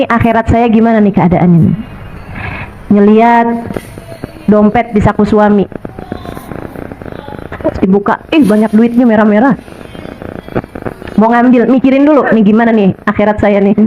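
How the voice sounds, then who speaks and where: A woman preacher with a high voice talks her congregation through a colloquial sermon. She is lively and chatty, circling back to the same rhetorical questions. The recording sounds slightly dull and lo-fi. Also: moderate pace, pauses often, faint music behind. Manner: chatty and animated, repeats rhetorical questions, acts out quotes. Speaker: Islamic preacher. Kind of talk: colloquial sermon to a women's audience.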